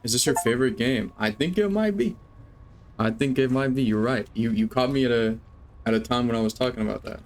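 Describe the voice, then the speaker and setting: A man's voice: medium pitch, level tone, fast. A young adult man streaming a game, rambling, joking and swearing as he chats with viewers. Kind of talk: live gameplay commentary.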